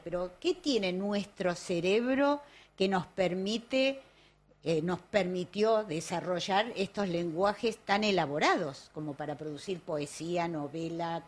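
A woman interviewing, asking measured, thoughtful questions. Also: lowish voice.

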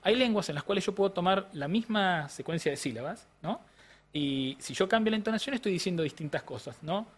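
A man's voice: sits high, expressive, brisk, slightly rough. An Argentine man with a slightly raised voice explains brain and language research in an interview. He talks like a patient teacher, restarting phrases and often checking that the listener follows. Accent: Argentine Spanish. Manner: frequent restarts and hesitations. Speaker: language neuroscientist guest.

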